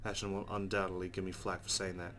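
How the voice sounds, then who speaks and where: Speaking fast in a low voice, a man reads a visual novel's narration aloud for a let's play, mixing in offhand reactions. A steady, loud background noise sits under it all.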